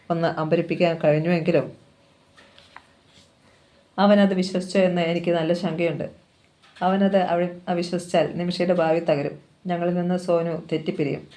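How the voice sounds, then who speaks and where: A cold, scheming wealthy father giving orders, as the novel's narrator reads his lines. The tone is dark and mellow, at a middle pitch, in a plain audiobook reading. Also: close to an everyday voice.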